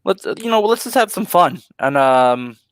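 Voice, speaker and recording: A man's voice: high-pitched, sing-song, moderate pace, smooth, no echo. Laid-back man hosting a live stream. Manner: laid-back, laughs often, many ums. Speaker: co-host of a live ocean talk stream. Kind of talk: casual live-stream chat.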